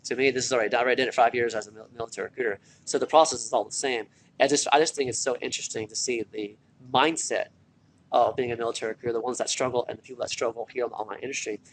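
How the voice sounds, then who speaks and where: A tired man speaks rapidly in a mid-pitched, gravelly voice. He is casual and earnest, circling back on phrases to press his point like a motivational vlogger. Faint hospital corridor noise sits behind him. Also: steady tone, rough recording. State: tired from little sleep. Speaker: online marketer and former military recruiter. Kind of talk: casual motivational vlog talk. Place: hospital, such as a corridor or waiting area. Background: faint hospital ambience.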